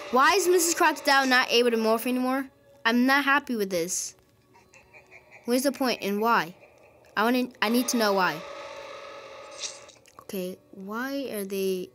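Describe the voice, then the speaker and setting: Excitable woman giving frustrated gameplay commentary. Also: medium pitch. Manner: excitable, quickly frustrated, calls teammates idiots. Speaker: gaming video host.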